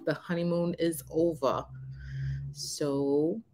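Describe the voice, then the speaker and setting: Slow, frank woman vlogger. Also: low-pitched, fairly even intonation, dark tone, a little hiss or hum. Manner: frank, unhurried, conversational. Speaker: vlogger on renting. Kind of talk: casual talk to camera. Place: small room indoors. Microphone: camera in front of her.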